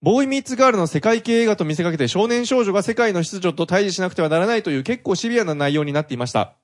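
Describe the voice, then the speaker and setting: A man's voice: high-pitched, lively intonation, rapid-fire. A man hosting a casual film-talk podcast, reading listener mail and chatting with co-hosts. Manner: reads listener mail, then chats loosely. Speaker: podcast host. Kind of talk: casual film review chat.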